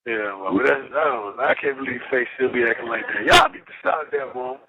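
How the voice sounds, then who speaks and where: A man's voice: medium pitch, a little fast, gravelly, a crowd in the background. A man calling family from a jail payphone, chatting casually and laughing between lines. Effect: heard over a jail payphone line. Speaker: inmate caller. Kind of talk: casual phone chat with family. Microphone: payphone handset. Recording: tinny phone line.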